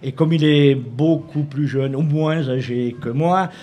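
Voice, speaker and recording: A man's voice: a little high, unhurried, warm tone. Hesitant, polite man mayor. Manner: polite, hesitant, laughs often. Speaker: mayor, guest on a comedy talk show. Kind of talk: casual on-air interview.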